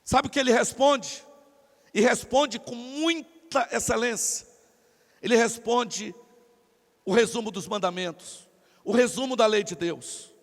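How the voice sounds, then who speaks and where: A male pastor with a Brazilian accent preaching a sermon in an animated, theatrical way, acting out the people he quotes. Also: very high voice, a little slow, long pauses. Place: church. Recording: church hall reverb.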